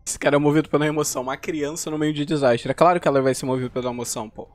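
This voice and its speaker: A man's voice: fairly high pitch, fairly even intonation, racing. A man with a Brazilian accent, the host, giving casual, slangy commentary between passages of a story reading and thinking aloud with fillers. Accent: Brazilian Portuguese. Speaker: host reacting to a novel reading.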